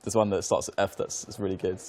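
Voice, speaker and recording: A man's voice: low voice, flat delivery, fast, darkish tone. A man commentating an esports match from a studio, bantering between plays with a laughing, self-mocking manner. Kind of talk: casual play-by-play commentary.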